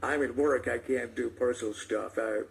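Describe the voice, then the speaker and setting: A man hosting a live call-in show on the radio, talking in a joking, folksy and halting way. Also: medium pitch, fairly even intonation, gravelly, a crowd in the background.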